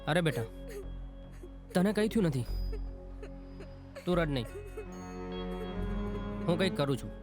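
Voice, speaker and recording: A man's voice: a little high, expressive, measured pace, long pauses. An actor playing a new male school teacher who scolds rowdy students and comforts a frightened girl, over film music. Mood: reassuring. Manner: scolding, then gentle and reassuring. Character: strict but caring new male teacher.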